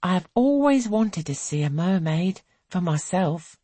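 A woman's voice: fairly low pitch, very animated, a little slow, dark tone, husky, no room sound, pitched above the performer's own voice, heavily acted. A woman reader voicing an earnest, curious woman in a storybook. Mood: wistful. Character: wide-eyed woman, curious and eager.

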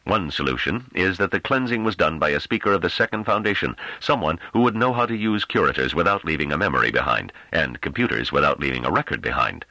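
A man reading an audiobook, voicing a male councillor who argues in a grave, measured and sardonic way. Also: deep voice, animated, pushed and bright, no echo, voice pushed up, exaggerated voice, low-quality recording. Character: calm sardonic male councillor defending himself.

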